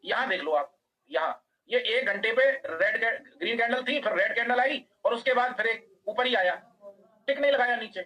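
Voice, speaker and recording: A man teaching a live online trading class, walking through a chart fast and asking students by name whether they follow. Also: very high voice, pushed and bright, low-quality recording.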